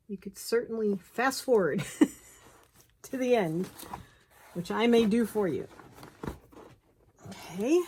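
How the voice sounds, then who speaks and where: A bookbinding crafter runs a relaxed, hands-on tutorial, chatting and speaking to herself as she works, sometimes apologizing along the way. Her mid-range voice has a dark tone, and slight background noise is picked up by the nearby phone camera.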